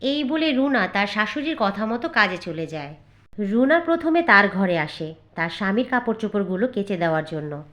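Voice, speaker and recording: A woman narrates a scripted cartoon story at a normal pace. Her medium-pitched voice is fairly bright, with lively intonation.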